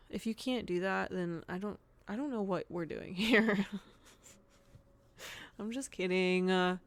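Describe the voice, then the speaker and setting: A woman hosting her own podcast in a casual solo chat, frank and giggly with lots of fillers. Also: on the low side. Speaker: podcast host.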